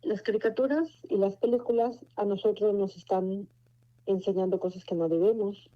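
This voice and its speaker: Her mid-range voice holds a steady tone at a normal pace as she, a Mexican woman in her forties, earnestly meanders through the story of her faith. The audio is muffled and low-fidelity.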